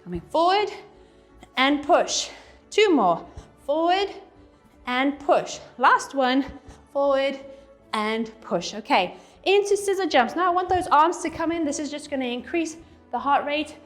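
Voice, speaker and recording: A woman leads a workout class and does the moves herself, so she sounds a little out of breath. Her voice sits high, and she counts the reps aloud as she coaches. Faint music plays behind her. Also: sing-song, measured pace, long pauses. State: slightly out of breath. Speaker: fitness instructor. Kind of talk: workout instruction.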